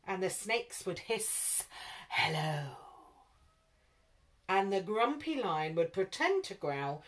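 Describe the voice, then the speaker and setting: Expressive woman reading a children's story. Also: medium pitch, a little slow.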